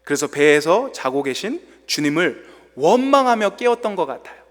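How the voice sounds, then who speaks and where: A male pastor delivers a sermon in a church, his voice sitting high and swinging widely in pitch as he tells the story with dramatic flair. A long reverb from the hall trails behind his words. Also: sing-song, normal speed, fairly bright tone.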